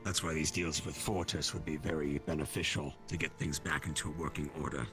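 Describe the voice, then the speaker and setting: A man playing a steady, dutiful warden, a military officer who speaks firmly and matter-of-factly in an improvised roleplay. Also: rumbling low, brisk, soft background music. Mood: firm, instructing.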